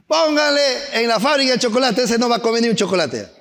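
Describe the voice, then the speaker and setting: A man preaching a sermon as pastor, animated and acting out stories, at times shouting. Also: very high-pitched, fast, in a large hall. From Peru. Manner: animated, acts out anecdotes with voices, sometimes shouting.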